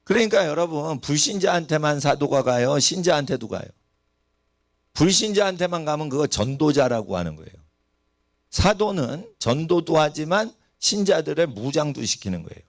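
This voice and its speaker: A man's voice: on the high side, very animated, moderate pace, dry recording, clean studio sound. A man preaching a sermon in a church, asking the congregation rhetorical questions. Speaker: pastor. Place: church sanctuary.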